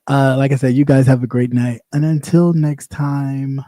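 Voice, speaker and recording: Clean, dry studio sound captures a medium-pitched, dark, steady male voice at a moderate pace. A livestream host who used to work in radio, he has a light voice and rants bluntly and casually with sass, repeating himself as he loops.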